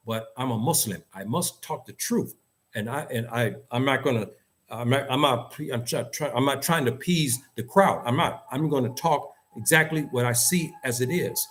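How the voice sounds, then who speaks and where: With a medium pitch and a somewhat bright tone, this American host and commentator speaks at normal speed. His talk is unscripted and full of opinion, delivered emphatically and insistently, with phrases repeated for emphasis.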